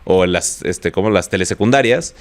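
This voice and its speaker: A man's voice: low-pitched, brisk. A young Mexican man co-hosting a podcast, chatting casually with a posh, slangy way of talking. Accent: Mexican Spanish. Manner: relaxed, slangy, says he talks posh. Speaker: podcast co-host. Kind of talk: casual chat.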